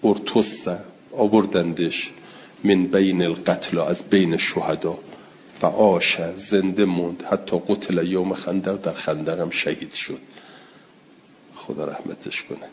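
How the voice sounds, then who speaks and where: A man teaching a class, reading out classical passages and then explaining them phrase by phrase, and answering listeners' questions with quick yeses and noes. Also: sits low, steady tone, lo-fi sound, a little hiss or hum. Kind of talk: classroom text-study lesson.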